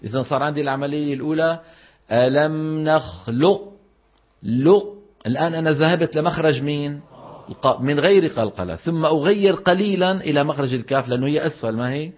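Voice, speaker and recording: A man's voice: a little high, racing, dull audio. A man teaching Quran recitation rules, explaining letter articulation and quizzing his students with rhetorical questions. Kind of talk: tajweed lesson with recited examples.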